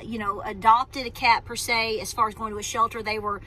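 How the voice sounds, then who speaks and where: Sitting in a parked car, a woman who vlogs about homesteading talks casually into a phone camera at arm's length, rambling and breaking off to restart sentences. Her voice is on the high side, bright and forceful, with a level tone and a slightly quick pace.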